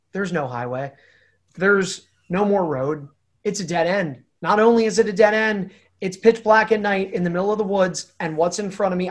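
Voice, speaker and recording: Animated young man telling a story. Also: high-pitched. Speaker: podcast co-host. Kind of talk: casual storytelling.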